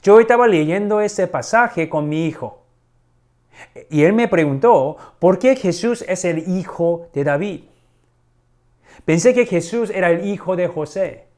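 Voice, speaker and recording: A middle-aged man preaching a sermon, teaching slowly and deliberately and asking rhetorical questions. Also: high voice, animated, a little mellow. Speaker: pastor.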